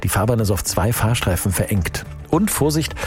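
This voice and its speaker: A man hosting an afternoon radio show, reading traffic news and chatting in a cheerful, energetic way. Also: on the low side, moderate pace, soft background music. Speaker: radio host. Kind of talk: upbeat radio presenting with traffic report.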